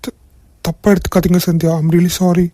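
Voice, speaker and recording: A voice actor playing a young male boss in a cartoon who keeps apologizing in a soft, tearful way. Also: medium pitch, flat delivery, moderate pace, no room sound, close to an everyday voice. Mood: guilty, tearful. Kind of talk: cartoon voice acting.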